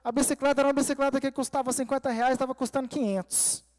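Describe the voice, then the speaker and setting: A man's voice: very high voice, level tone, fast. A male pastor preaching a sermon at a church service, telling a personal story and calling the congregation dear ones and brothers. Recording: long reverb of a church hall.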